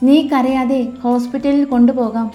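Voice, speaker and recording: A woman's voice: high voice, level tone, moderate pace, natural voice. A woman voicing a troubled young father who speaks tensely and curtly. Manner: tense, curt. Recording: echoey room with soft music.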